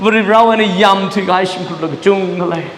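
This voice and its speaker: A man's voice: sits high, steady tone, fast talker, fairly bright tone, a little hiss or hum. A man preaching a sermon in a church, dropping English words into his talk. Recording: echoey church hall, mic at a distance.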